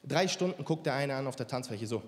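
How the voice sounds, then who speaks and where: A man's voice: mid-range voice, expressive, fairly quick. A man performing a stand-up comedy set on a club stage, talking straight to the crowd and slipping into mimicked voices. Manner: punchy, mimics accents and voices, addresses crowd. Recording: live stage in a hall with reverb, faint crowd noise.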